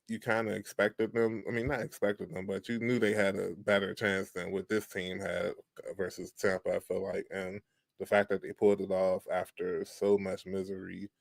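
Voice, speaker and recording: A man's voice: lowish voice, vocal fry, no echo. A man co-hosting a sports podcast in a casual, laid-back way, often tossing in "bro" and "like". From Washington DC area. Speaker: podcast co-host.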